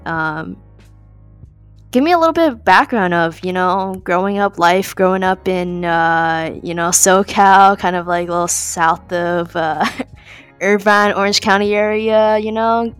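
With a lowish voice and no echo, this young adult woman from California hosts a relaxed podcast interview. She chats freely, scattering ums and likes throughout and slipping laughs in between her phrases.

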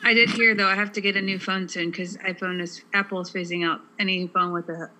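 Bright-voiced chatty woman podcaster. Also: medium pitch, little pitch movement, a little fast, a little hiss or hum, rough recording. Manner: chatty, explains at length with many fillers. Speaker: podcast co-host. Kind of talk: casual chat.

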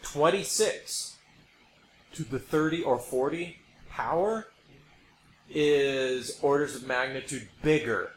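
A podcast host explains his opinions casually yet emphatically, repeating points for effect. His mid-range voice is slow and pauses often, and the recording carries roomy echo and background noise.

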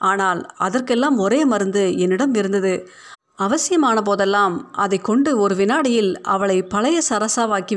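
Woman reading a short story aloud. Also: mid-range voice. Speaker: story reader. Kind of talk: scripted narration of a short story.

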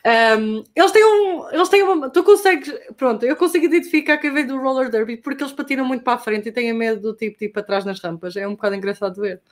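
A young adult woman from Portugal, speaking with a Portuguese accent, chats casually and somewhat hesitantly as a guest skater, mixing in slang and English terms. Her voice is high, and she talks fast with few pauses.

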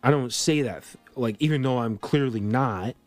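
Soft background music sits under this dry recording of a podcast co-host born in Colombia. He speaks at normal speed with a medium-pitched, darkish voice, discussing politics loosely, restarting often and using many fillers.

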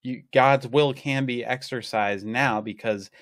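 A man speaks slowly and deliberately as he explains scripture in a relaxed talk. His pitch sits in the middle range and his pacing is measured. The recording is dry and close. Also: no room sound. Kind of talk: casual theology discussion.

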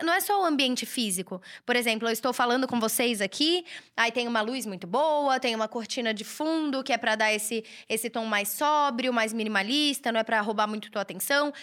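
A woman hosts a chatty solo talk on business advice. Her voice sits somewhat high and sounds strikingly bright and forceful. She talks casually from an indoor room set up for recording. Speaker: host and writer. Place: indoor room with a curtain backdrop, books and a computer.

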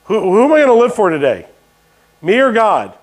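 High-voiced man preaching a sermon. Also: huge pitch swings, fairly quick. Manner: call-and-response questions to the congregation; jokey asides. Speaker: pastor.

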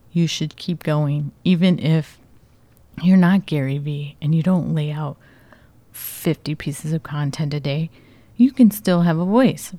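Low, dark-voiced woman podcaster. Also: no room sound. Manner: chatty, rambling, talks straight to listeners. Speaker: podcast host. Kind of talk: casual solo podcast chat.

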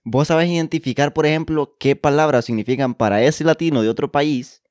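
A man's voice: fairly high pitch, fairly even intonation, a little fast, a little mellow, no echo, clean studio sound. A man in casual chat among friends, ranting bluntly and profanely.

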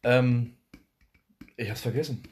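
A man co-hosts a casual podcast in an ordinary mid-pitched voice. He talks in a blunt way, teasing his partner and swearing freely. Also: fairly even intonation, slow pace, a little mellow, a little hiss or hum. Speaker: podcast co-host.

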